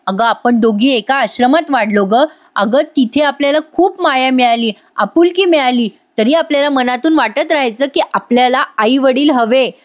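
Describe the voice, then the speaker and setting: Woman reading angry young woman, stern, scolding, fairly high voice. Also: normal speed, few pauses, natural voice. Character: angry young woman confronting her rival.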